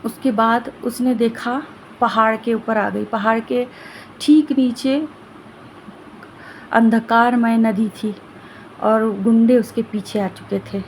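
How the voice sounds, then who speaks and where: A woman's voice: a little high, fairly even intonation, takes it slowly, pauses often, slight background noise, poor audio. A woman storyteller narrating a fairy tale in a loose, informal way with restarts.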